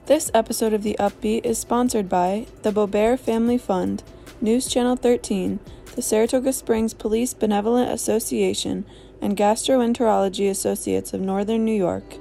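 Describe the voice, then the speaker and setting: A woman's voice: medium pitch, steady tone, moderate pace, vocal fry, warm tone, soft background music. A woman reading a scripted sponsor announcement.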